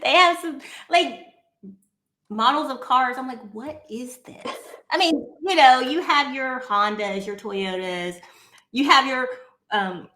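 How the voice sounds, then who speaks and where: Lady chatting casually, r's come out as w's, kinda high voice, echoey room. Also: measured pace. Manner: says w for r; animated storytelling with acted-out quotes. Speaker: host of a military spouse talk segment. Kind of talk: casual chat. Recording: roomy, echoing voice pickup.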